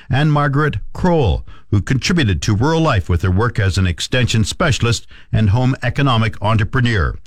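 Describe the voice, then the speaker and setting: A man's voice: mid-range voice, no echo, clean studio sound. A man with a Canadian accent reading a scripted radio farm report as the host.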